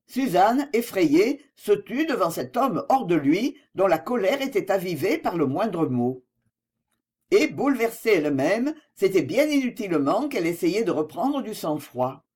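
A woman's voice: mid-range voice, sing-song, unhurried, darkish tone, slightly rough. A woman reading a novel aloud as an audiobook narrator, with dramatic expression.

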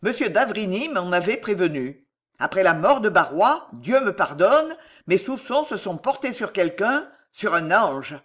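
A man's voice: sits high, unhurried, exaggerated voice. Brief: icy accusing magistrate husband, varied delivery, read by a man. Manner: calm, cutting, accusing. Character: cold stern magistrate husband.

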